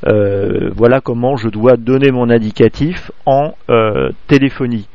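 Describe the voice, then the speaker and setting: A man from France giving a spoken amateur radio lesson, halting, full of fillers and restarts, close to a clipping desk microphone. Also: mid-range voice, dry recording, lo-fi sound.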